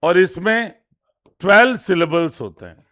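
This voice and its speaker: A man teaching an exam-prep lesson, reading each question out slowly and then explaining it step by step with frequent repetition. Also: high voice, bright, forceful tone. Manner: reads English questions slowly, then translates. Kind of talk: exam lesson in Hindi with English terms.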